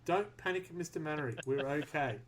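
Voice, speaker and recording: A man's voice: fairly high pitch, a little fast. A man hosting a casual podcast, chatty and laughing easily while a little flustered. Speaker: podcast host.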